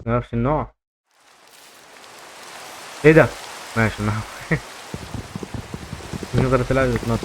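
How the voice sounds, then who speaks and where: A man's voice: mid-range voice, unhurried, long pauses, slight background noise. A young man with an Egyptian accent, chatting to viewers as he plays a survival game, repeating himself as he goes. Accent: Egyptian Arabic. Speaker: gaming YouTuber. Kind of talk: casual gameplay commentary.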